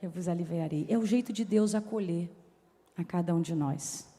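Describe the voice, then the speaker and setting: A middle-aged woman preaching a sermon, telling a personal story in an animated way and acting out the dialogue. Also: fairly low pitch, normal speed. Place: church hall. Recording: reverberant church hall.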